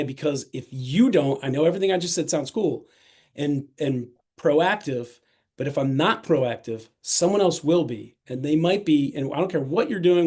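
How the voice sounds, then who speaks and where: A middle-aged man talking as a podcast guest in a casual, energetic and enthusiastic way, often restarting his sentences. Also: a little high. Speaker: podcast guest, self-storage investor. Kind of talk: casual interview talk.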